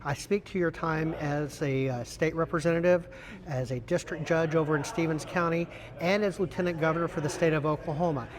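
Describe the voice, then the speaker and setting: Higher-pitched American man, formal interviewer. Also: fairly even intonation, brisk. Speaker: interviewer, host. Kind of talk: prepared interview questions.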